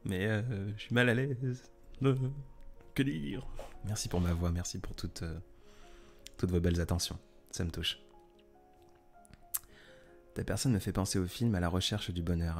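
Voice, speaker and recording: A man hosting a casual live stream, reading viewers' messages aloud and answering in a soft, hesitant way with many fillers. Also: sits low. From France.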